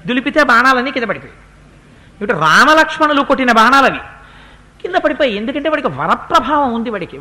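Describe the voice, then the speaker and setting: A man delivers a devotional discourse, narrating an old epic with lively, animated energy. His voice is very high and bright, and he slows right down to chant verses. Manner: animated retelling, chanting Sanskrit verses slowly. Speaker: religious discourse speaker.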